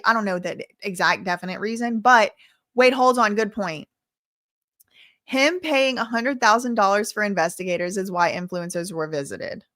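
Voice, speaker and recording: A woman from Louisiana, United States, reads and answers viewers' messages during a casual live chat, sounding sassy and colloquial. Her voice is mid-range and fairly bright, captured dry at studio quality.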